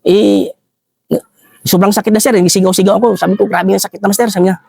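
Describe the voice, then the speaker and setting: Filipino guy, ex army ranger telling his war story, high voice, halting, says sir every few words, dry close sound. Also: steady tone, creaky, darkish tone, husky, dry recording. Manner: halting, addresses listener as sir constantly. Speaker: retired army ranger scout. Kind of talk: recounting a war story in an interview.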